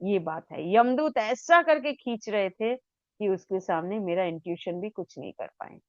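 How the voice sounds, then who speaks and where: A woman's voice: mid-range voice, animated, normal speed, no echo, muffled recording. A woman giving an unscripted talk on spiritual healing, mixing English phrases into Hindi and repeating words for emphasis.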